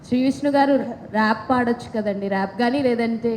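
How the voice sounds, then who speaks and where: A woman's voice: fairly high pitch, fast talker, darkish tone, big-room sound, slight background noise. A woman, an entertainment reporter, pressing an actor with insistent questions. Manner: pushy, insistent.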